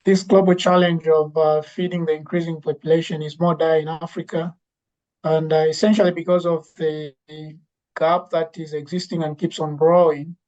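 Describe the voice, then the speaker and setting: A woman lecturer gives a presentation in an even, level voice that rarely rises or falls. She hesitates often, filling pauses and restarting sentences. The recording sounds dull and lo-fi. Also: deep voice. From Zambia. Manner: hesitant, many fillers and restarts. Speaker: university lecturer and legume breeder giving a talk. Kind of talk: conference presentation.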